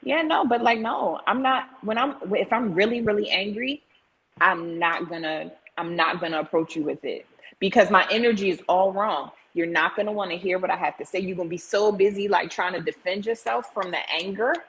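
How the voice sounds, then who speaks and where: A woman's voice: medium pitch, a little fast, a bit bright, rough recording. A woman on a talk show panel, stating her view emphatically and repeating her points firmly. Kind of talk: casual talk show discussion.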